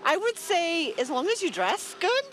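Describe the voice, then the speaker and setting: A woman visiting skier talking casually outdoors at a ski area, slow and laughing. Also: extremely high pitch, big pitch swings, very noisy. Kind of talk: casual interview.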